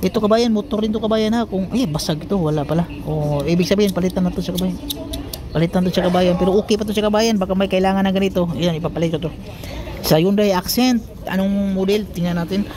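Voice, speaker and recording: A man from the Philippines talks in a high, light voice as he works in an auto body shop. He chats casually and keeps turning to address his viewers as countrymen while he walks through each repair step. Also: fairly even intonation, fast, crowd noise.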